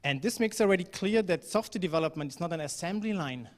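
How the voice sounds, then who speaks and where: A fast, expressive, high-voiced man from Germany delivers a conference talk. He speaks conversationally, with fillers and now and then a non-native-sounding phrase, while the hall's reverberation fills the recording.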